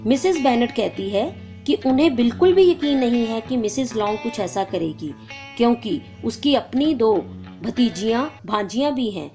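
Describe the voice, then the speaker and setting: A woman teacher explaining a literature lesson, slowly and carefully reading and retelling the text. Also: on the high side, lively intonation, warm tone, soft background music.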